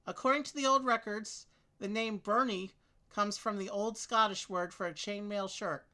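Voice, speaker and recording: A woman with a crisp, bright voice and mid-range pitch. She reads game clue texts aloud steadily, then chats casually with a co-player while they work out a solution. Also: normal speed. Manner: steady, clear reading of clue text. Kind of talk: reading game text aloud and casual game chat.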